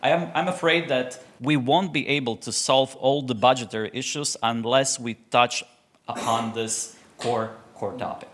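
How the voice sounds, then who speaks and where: A man's voice: medium pitch, fairly even intonation, normal speed, fairly bright tone. Guy on a panel, earnest, keeps restarting and fixing his words. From Croatia. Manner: earnest, self-correcting, many restarts. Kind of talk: panel discussion.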